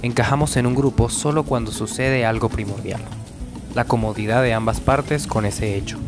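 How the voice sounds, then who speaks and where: A man giving calm, formal scripted narration. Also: medium pitch, moderate pace, over music.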